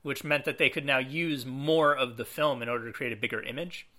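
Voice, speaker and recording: A man's voice: medium pitch, a little fast. A man casually discussing an old movie on a podcast, talking loosely with fillers and acting out quotes. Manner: relaxed, lots of fillers, acts out quotes. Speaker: podcast co-host.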